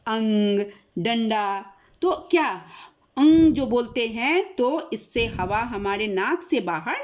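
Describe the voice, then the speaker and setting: A woman teacher talks through a grammar lesson at a slow, careful pace. Her voice sits a bit high and moves a lot in pitch. She keeps asking a question and then answering it herself. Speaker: school teacher.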